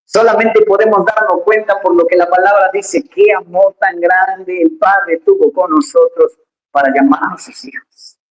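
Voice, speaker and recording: A pastor preaching a lively, emphatic sermon, speaking straight to the congregation in a church. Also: medium pitch, measured pace. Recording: echoey church hall.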